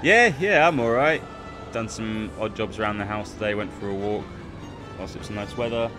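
Guy chatting w his stream viewers while he plays, lowish voice, music going behind him. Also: normal speed. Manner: chatty, talks to viewers by name, laughs easily. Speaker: game streamer. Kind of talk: casual chat while playing.

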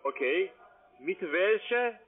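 This call centre sales agent sits high in pitch and sounds animated, yet he takes his time. He's a man whose German isn't native, and his pitch is insistent and ungrammatical, coming through a narrow, tinny phone connection.

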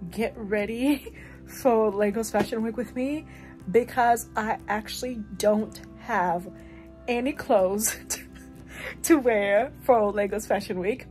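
A woman's voice: on the high side, a little mellow. A young woman from Zambia, chatting casually in a vlog while she packs in her bedroom, laughing often and using many fillers. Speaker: vlogger. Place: bedroom at home.

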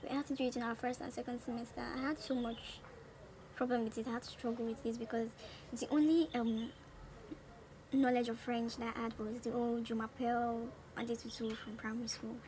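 High-voiced young Nigerian woman, chatty. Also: flat delivery, fairly quick, a little mellow, poor audio. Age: 20s. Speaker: beauty vlogger. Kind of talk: casual chat during a makeup tutorial. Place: small room at home. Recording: noticeable background noise.

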